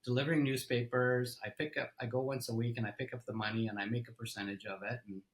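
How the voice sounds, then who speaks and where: Here the middle-aged Egyptian CEO recounts his story in an interview at a quick pace, his mid-range voice relaxed, with fillers and restarts. The recording is rough.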